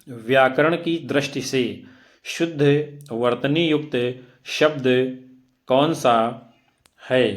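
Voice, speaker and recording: A man teaching exam preparation, reading quiz options aloud and explaining each answer to his students in a measured, deliberate way. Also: on the high side. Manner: addresses students directly, repeats options aloud.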